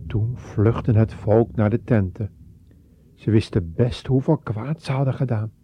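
A man narrating a Bible story slowly and dramatically, lifting his voice for quoted speech. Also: fairly low pitch, steady tone, slight background noise. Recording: dull, lo-fi.

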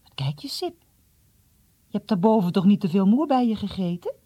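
A man voicing a cheerful, proud teenage boy in an audiobook, speaking quickly and eagerly. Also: sits high, big pitch swings, dark tone, no echo, voice pushed up. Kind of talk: audiobook reading.

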